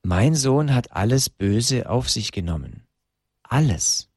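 A man voicing a grieving, fatherly king who speaks calmly, firmly and in a hushed tone. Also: medium pitch, slow, slightly rough, dry recording, clean studio sound, exaggerated voice. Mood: hushed, solemn. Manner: hushed, calm and firm.

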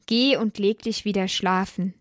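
A woman voicing the old priest Eli, calm and fatherly, in a storybook reading with measured speech. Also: mid-range voice, no echo, clean studio sound, lightly acted.

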